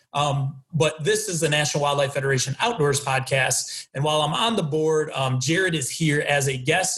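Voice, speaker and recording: A man's voice: fairly high pitch, fairly bright tone. A man hosting a podcast in a conversational way, recorded in a home garage with a slightly tinny sound. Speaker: podcast host.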